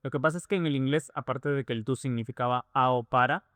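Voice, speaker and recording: Man, teacher, patient explanations, rhetorical questions, crisp voice, dry recording. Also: medium pitch, fast talker, a bit bright, dry recording. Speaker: English teacher. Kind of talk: explanatory lesson.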